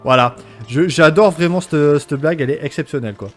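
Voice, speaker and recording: A man's voice: a little high, fairly quick, soft background music. A man hosting a video game let's play, rambling and swearing playfully as he keeps interrupting himself mid-sentence. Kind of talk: casual gameplay commentary.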